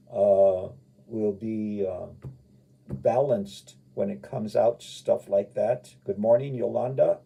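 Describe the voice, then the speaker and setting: A man with a husky, gravelly, lowish voice and a warm tone preaches and teaches the Bible informally. His folksy, rambling style leans on emphatic repetition, and the live radio sound is muffled.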